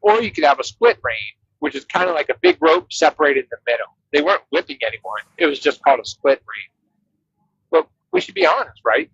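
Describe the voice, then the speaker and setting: A man in an online group debate, talking insistently and quoting scripture, his voice thin and tinny with no bass, like a walkie-talkie. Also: wildly swooping pitch, a little fast, gravelly, fairly bright tone, husky, no echo. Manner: insistent, cites scripture, breaks in to interrupt. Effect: thin tinny headset audio with no bass, like a walkie-talkie. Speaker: debate participant. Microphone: cheap headset. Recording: dull lo-fi headset line.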